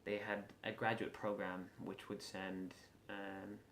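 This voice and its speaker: A man in his late twenties with a west of Ireland accent, answering casually in an interview with frequent pauses. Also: deep voice, flat delivery, fairly bright tone. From Galway, west of Ireland. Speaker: lacrosse player being interviewed. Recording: echoey room with faint background noise.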